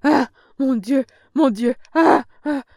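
A woman's voice: fairly high pitch, moderate pace, darkish tone, smooth, no room sound, studio quality, close to an everyday voice. A woman reading an audiobook, voicing a fat, coarse old procuress with an oily, throaty voice who blusters, then shrieks and whimpers in fear. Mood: panicked.

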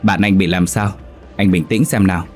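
A man's voice: sits low, steady tone, moderate pace, darkish tone, soft background music, lightly acted. A man voicing a blunt, reproachful young villager in his twenties. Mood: calm.

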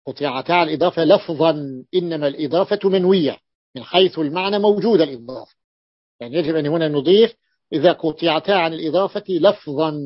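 Guy teaching a grammar class, kinda high voice, says words over slow, lo-fi dry sound. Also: breathy edge, dry recording. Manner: repeats words slowly to stress them. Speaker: sheikh teaching Arabic grammar. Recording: dull lo-fi dry recording.

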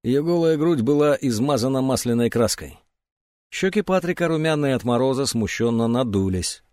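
Male narrator, expressive audiobook reading, animated pitch, dead-dry sound. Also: normal speed, no echo. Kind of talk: scripted narration.

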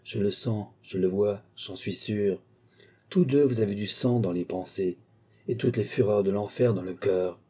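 A stern medieval monk , as a man puts him on, rebukes the lords in a firm, severe voice. The tone is dark and mellow with a husky edge, and it rises loud when he condemns them. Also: on the low side, unhurried. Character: stern old monk cursing two feuding lords.

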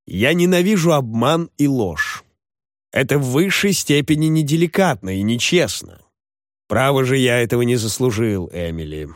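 A man doing a blustering old gentleman. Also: mid-range voice, very animated, normal speed, no echo, clean studio sound. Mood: reproachful. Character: hot-tempered old country gentleman, blustering host.

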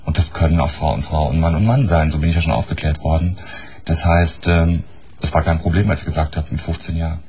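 A man in his thirties who grew up in Norway sits as a guest in a radio studio, talking frankly about his life. His very deep voice is mellow, slightly rough and fairly even in intonation, and he talks fast in a candid, articulate, self-assured way.

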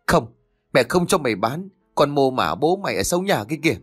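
A man reading an audiobook, raising his voice to play an older, hard-working mother who scolds and pleads in shrill cries. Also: sing-song, moderate pace, no echo, clean studio sound, soft background music. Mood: scolding. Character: older woman, poor toiling mother, desperate.

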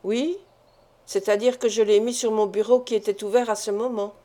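A woman's voice: mid-range voice, steady tone, moderate pace, warm tone, natural voice. A woman reading the lines of a worried middle-aged mother who answers earnestly. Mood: answering.

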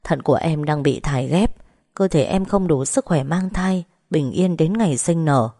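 A woman voicing a tender, remorseful young man who pleads gently and apologetically. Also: low voice, moderate pace, husky, no echo, studio quality.

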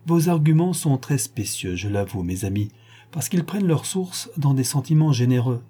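A man voicing a guilty, scheming millionaire banker who argues in a measured way, in a dark, husky voice. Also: mid-range voice, animated, pitched above the performer's own voice. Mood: calm. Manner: measured, reasoning.

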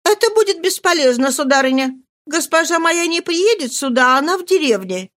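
A woman voicing a young housemaid who insists in a shrill manner. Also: expressive, normal speed, fairly bright tone. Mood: insistent.

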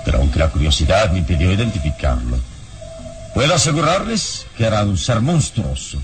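Kalimán, deep calm hero. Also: male voice, music in the background. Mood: calm recounting. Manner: measured, composed, explanatory storytelling. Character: calm, heroic adult male mystic adventurer. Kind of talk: vintage radio drama acting.

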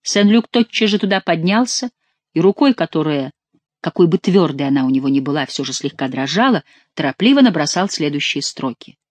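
Measured audiobook narrator. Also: medium pitch, expressive, no echo. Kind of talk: audiobook reading.

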